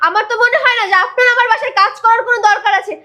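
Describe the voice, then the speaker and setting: Young woman doing a bossy protective wife, very high bright voice, fast angry scolding. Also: fairly even intonation. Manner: scolding, forceful, insistent. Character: young wife of an expat worker, fiercely protective and commanding. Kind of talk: amateur drama acting.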